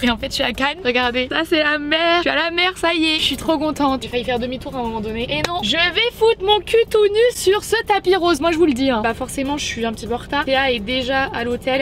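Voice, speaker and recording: A woman's voice: high voice, fairly bright tone. A young adult woman from France talking in a casual, slangy vlog style, chatty, rambling and self-deprecating. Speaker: vlogger.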